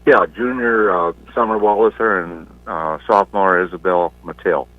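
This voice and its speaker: Deep-voiced coach on a tinny phone line. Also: male voice, steady tone, dry recording. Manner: halting, plain-spoken. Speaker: high school basketball coach. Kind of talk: interview by phone.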